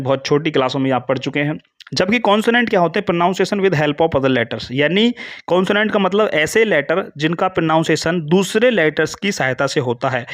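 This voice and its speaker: A man with an Indian English accent teaching an English grammar lesson in Hindi, explaining step by step and reading English definitions slowly. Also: on the high side, a bit bright. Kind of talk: classroom lecture in Hindi mixing English terms.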